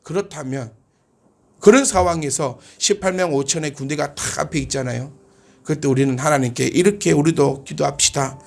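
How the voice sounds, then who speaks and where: A male pastor preaching a sermon, animated and asking his congregation questions. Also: on the high side, moderate pace, creaky.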